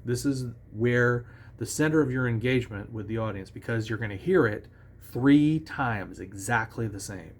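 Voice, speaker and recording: A man giving a relaxed, conversational songwriting lesson, talking with restarts and sometimes singing short nonsense syllables as examples. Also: mid-range voice, normal speed. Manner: self-assured about his own lyric writing. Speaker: songwriting teacher. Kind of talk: casual instructional talk.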